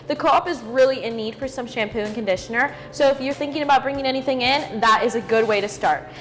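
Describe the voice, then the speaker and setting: High-voiced teen girl announcer. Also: fast talker, faint music behind, rough recording. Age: teens. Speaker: student announcer. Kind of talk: school news segment.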